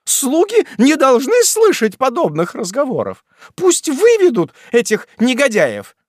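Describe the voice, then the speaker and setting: Man doing a high-pitched scolding matron, haughty, storybook, dry sound. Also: wildly swooping pitch, a little slow, no room sound, heavily acted. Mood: indignant. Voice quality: shrill, scolding. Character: indignant pompous middle-aged wife of a judge.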